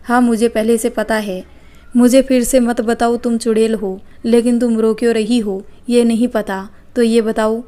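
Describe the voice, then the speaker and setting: A woman voicing a teasing, wisecracking young husband in a storybook, in an even, flat delivery. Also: on the high side, moderate pace, close to an everyday voice.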